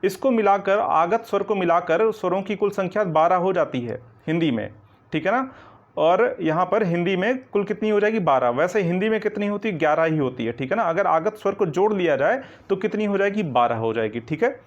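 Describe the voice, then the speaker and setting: With lively intonation and a slightly fast pace, a man with a fairly high voice walks through Hindi grammar in an online coaching lecture. He repeats "ठीक है ना", asks questions back and answers them himself. The recording is dull and lo-fi.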